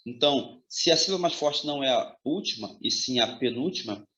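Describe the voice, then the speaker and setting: A male grammar teacher works through exam questions in an emphatic, forceful voice that keeps checking in with his students. The room is roomy and echoey, and the recording sounds a little dull and lo-fi. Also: medium pitch, animated, fairly quick. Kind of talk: exam-prep lecture. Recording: roomy, slightly dull audio.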